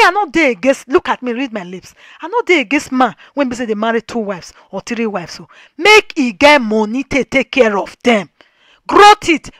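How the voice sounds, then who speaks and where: A woman with a Nigerian accent hosting a talk show, giving lively commentary with rhetorical questions. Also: high voice, no room sound. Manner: animated, rhetorical, mixes Pidgin and Yoruba. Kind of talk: casual commentary monologue.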